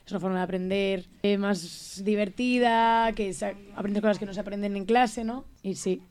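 A woman's voice: medium pitch, steady tone, moderate pace, darkish tone. Young woman teacher from Madrid. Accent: Madrid Spanish. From Spain (Madrid). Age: 20s. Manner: friendly, thoughtful, rambling answers. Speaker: teacher being interviewed. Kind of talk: casual school radio interview.

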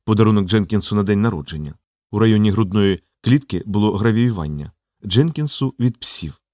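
A man's voice: lowish voice, expressive, fairly quick, mellow, dry recording, clean studio sound. A man reading an audiobook in a vivid, dramatic narrating style.

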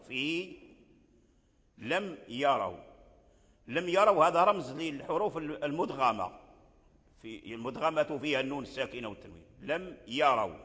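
A man's voice: mid-range voice, fairly bright tone. An older man from Morocco teaching Quran recitation rules. He explains patiently, repeats key phrases and chants short examples. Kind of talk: religious lesson on tajweed. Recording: long hall reverb.

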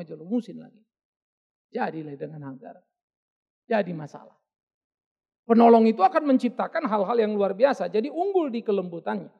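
A man preaching a sermon in a lively, conversational way, acting out quoted asides. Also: extremely high pitch, gravelly. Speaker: pastor. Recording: dull lo-fi audio.

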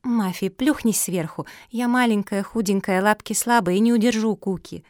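A woman voicing a small, clever female chihuahua in a children's audiobook, brisk and cheeky. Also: medium pitch, darkish tone, no room sound, clean studio sound, natural voice.

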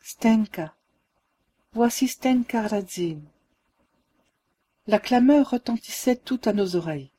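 A woman reading a ghost story aloud as a calm, measured narrator. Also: a little high, slightly rough. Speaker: audiobook reader. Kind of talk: scripted narration.

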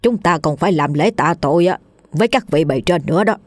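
Give me a commanding village chief, a middle-aged man barking orders, as a woman storyteller puts him on. Low-set and dry, with soft music beneath. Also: expressive, brisk, dry recording.

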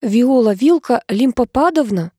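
A woman voicing a flustered young waitress who is loud and bewildered, drawing out her words. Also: high voice, animated, measured pace, no echo, studio quality, pitched above the performer's own voice.

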